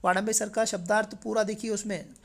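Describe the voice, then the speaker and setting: A man's voice: high voice, level tone, brisk, vocal fry. Male teacher, chatty. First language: Marathi. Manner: conversational, checks in with frequent tag questions. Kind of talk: exam paper walkthrough lesson.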